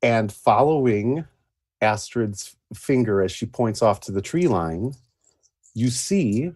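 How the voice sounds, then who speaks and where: A man with a husky voice telling a dramatic story as game master of a tabletop game. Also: fairly low pitch, expressive, slow pace, a little mellow, no echo, clean studio sound.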